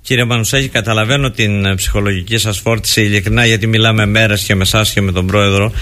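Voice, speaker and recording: A man's voice: fairly low pitch, steady tone, a bit bright. A male radio host interviewing a guest live on air in a sympathetic, soothing manner.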